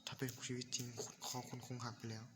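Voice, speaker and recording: A man's voice: fast, noisy background. A man with a stuffy nose doing casual, rambling game commentary, joking with viewers and swearing now and then. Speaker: gaming YouTuber. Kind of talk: casual Minecraft let's play commentary. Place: home room at night. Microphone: desk mic.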